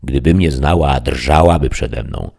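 A man voicing a blustering, excitable peasant squire in a loud, folksy way, reading an audiobook. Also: extremely low pitch, a little slow, vocal fry, slightly rough, exaggerated voice.

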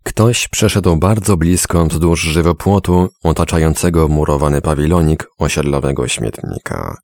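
A man giving measured, dramatic scripted narration of a story. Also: extremely low pitch, vocal fry, darkish tone, dry recording, studio quality. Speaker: audiobook narrator.

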